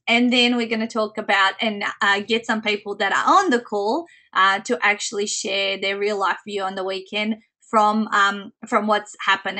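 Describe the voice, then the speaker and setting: A woman with a slightly squeaky voice presenting an informal online coaching call in a chatty way. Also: bright, forceful tone.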